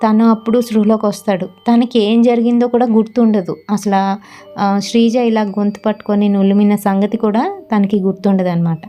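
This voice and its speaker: A woman telling a horror story in a casual, relaxed way, with frequent fillers. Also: medium pitch, a little fast.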